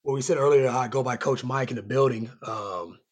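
A man with a raspy, hoarse voice, worn from yelling, giving earnest, rambling answers as a coach being interviewed. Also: mid-range voice, fairly quick. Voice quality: raspy, strained voice. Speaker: high school basketball coach and site coordinator, guest.

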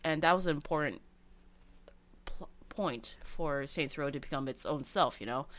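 A woman with a notably low voice talks casually about her favorite video games. She rambles, stacking fillers and restarting sentences as she goes. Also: moderate pace. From Cantonese family background.

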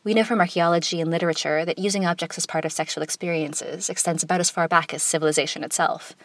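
A woman hosting a podcast, reading a scripted opinion piece in a smooth, composed, conversational way with wry touches. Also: on the low side, fairly even intonation, fast. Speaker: podcast host. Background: music.

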